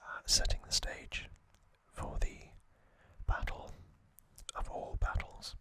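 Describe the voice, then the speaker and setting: A man hosts an ASMR session in a breathy whisper, gently going back over trivia in short, halting phrases.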